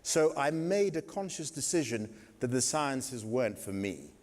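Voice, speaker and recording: An older man from Kenya tells stories from his life to a festival audience, wry and digressive, full of vivid asides. His mid-pitched voice carries a long reverb from the theatre hall. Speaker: guest speaker at a theatre festival. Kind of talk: anecdotal storytelling talk.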